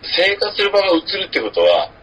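A man's voice: sits high, wildly swooping pitch, brisk, a bit bright, slight background noise, rough recording. A man co-hosts a podcast in casual chat, thinking aloud with many fillers.

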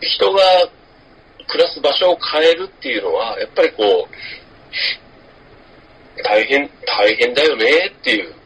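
A man co-hosts a relaxed podcast chat, often pausing to think with fillers. His voice is raspy and husky, with a lively, swinging pitch. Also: poor audio. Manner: thinks aloud with many fillers. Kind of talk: casual chat.

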